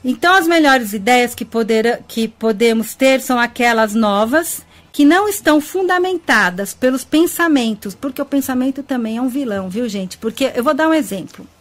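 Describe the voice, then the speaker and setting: A woman's voice: a little high, lively intonation, moderate pace, hardly any pauses. A woman radio host with a Brazilian Portuguese accent, chatty and affectionate, greeting listeners by name and laughing often as she talks about spirituality. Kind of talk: web radio talk show on ufology and spirituality. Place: radio studio.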